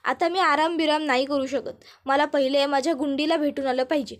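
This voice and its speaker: A woman's voice: high voice, steady tone, brisk, lightly acted. A woman voicing a grieving elderly grandmother who pleads tearfully over her missing son. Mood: worried.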